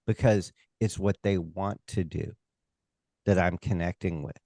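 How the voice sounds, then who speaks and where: An American man talking casually in an interview as a stage hypnotist and comedy performer, emphatic and opinionated, halting and using rhetorical asides. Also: deep voice, fairly even intonation, vocal fry, darkish tone, no room sound.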